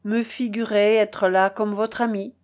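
A woman's voice: mid-range voice, level tone, measured pace, a little mellow, lightly acted. A woman reading the part of a proud, self-pitying male hanger-on in a storybook, with melodramatic outbursts and wounded dignity. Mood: reproachful.

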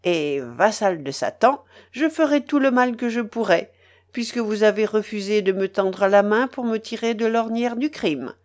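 A woman's voice: mid-range voice, expressive, normal speed, voice pushed up, natural voice. A woman reading an audiobook, voicing a vengeful, scornful male pirate who threatens with sneering emphasis. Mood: threatening.

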